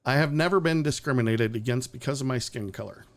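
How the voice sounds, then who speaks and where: Hosting a live-streamed talk show, this man speaks quickly at a medium pitch. His casual, opinionated chat is blunt, laced with sarcastic asides and swearing.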